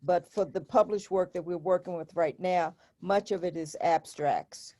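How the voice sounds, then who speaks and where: A woman guest on a livestream, explaining a topic in a measured way. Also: on the low side, warm tone. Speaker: guest, historical society member. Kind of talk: explanatory conversation.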